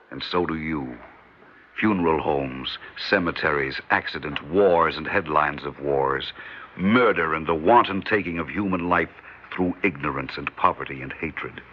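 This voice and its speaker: In a 1950s radio drama, a male actor plays a mysterious stranger at a diner, an ominous, death-like trucker who speaks of death. His deep voice is calm, solemn, and cryptic, and the old recording sounds dull with faint hiss.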